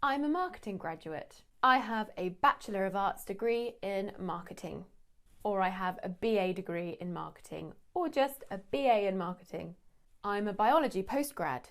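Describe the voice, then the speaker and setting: Young woman, online language teacher, clear measured delivery, steady mid voice. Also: medium pitch. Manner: clear, measured explanations with spoken examples. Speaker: English teacher. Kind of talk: scripted English lesson.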